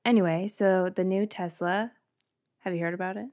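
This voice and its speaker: A woman's voice: mid-range voice, fairly even intonation, moderate pace, darkish tone. A woman co-hosting a podcast, chatty and eager, bringing up news in casual conversation. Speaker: podcast co-host. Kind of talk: casual chat.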